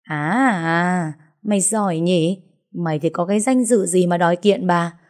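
A woman's voice: fairly low pitch, normal speed, a little mellow, lightly acted. A woman narrator voicing a furious, heavyset middle-aged wife who hurls insults in an audiobook story. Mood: wailing. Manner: screeching insults, theatrical wailing.

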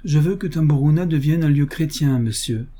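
A man's voice: mid-range voice, moderate pace, dark tone, slightly rough, natural voice. A man reading a story voices a melancholy, pious woman who turns stiff and defensive. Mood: stiff, mournful. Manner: mournful, then stiff and defensive.

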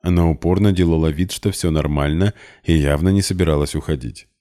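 A man reading a novel aloud in even, unhurried scripted narration. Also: very deep voice. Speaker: audiobook reader.

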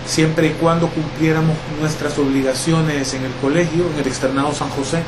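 Guy talking slow and thoughtful, fairly high voice, aircon humming in the room. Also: little pitch movement, noisy background. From El Salvador. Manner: reflective, many fillers and hesitations. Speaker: interviewee. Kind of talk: relaxed conversational interview.

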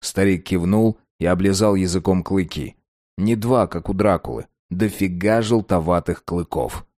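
Low-voiced male storybook narrator. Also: no echo, clean studio sound. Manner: steady, measured storytelling. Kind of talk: audiobook narration.

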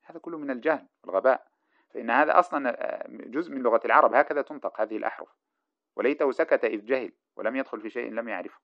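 Brisk male teacher, dull lo-fi lecture recording. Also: mid-range voice. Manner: brisk, explanatory, reads and comments on the text. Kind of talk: classroom lecture explaining a grammar text.

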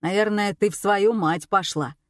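A woman voicing a gruff, scornful, bossy husband in an audiobook. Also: mid-range voice, moderate pace, no echo, studio quality, close to an everyday voice. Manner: gruff, mocking.

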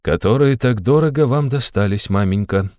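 Guy doing a calm firm young woman in an audiobook, voice pushed up, reassuring. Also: medium pitch, normal speed, dry recording, clean studio sound, voice pushed up, natural voice. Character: composed young woman, firm and tender daughter.

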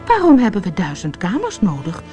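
A woman's voice: medium pitch, wildly swooping pitch, fairly quick, warm tone, soft background music. A woman voicing a poor wife in a fairy tale, eager and exclaiming. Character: poor, practical wife who turns angry.

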